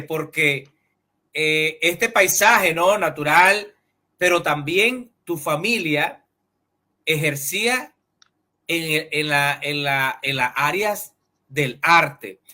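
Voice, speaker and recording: A man hosting an interview, asking measured, formal questions of his guest. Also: on the high side, pushed and bright. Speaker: host.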